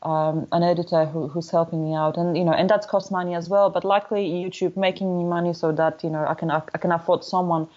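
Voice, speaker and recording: A woman in her thirties with a Polish accent speaks in a fairly low voice, candid and chatty, often restarting her sentences. The sound is muffled and lo-fi, like an older podcast recording. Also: level tone, fairly quick, few pauses, warm tone. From Poland. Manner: candid, many restarts and "you know" fillers. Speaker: guest, motorcycle traveler. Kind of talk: casual interview conversation.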